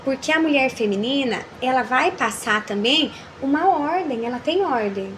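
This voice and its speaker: Animated Brazilian woman, high voice. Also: normal speed, slight background noise. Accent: Brazilian Portuguese. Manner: animated, acts out quoted dialogue. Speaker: mentor. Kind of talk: casual faith-based chat.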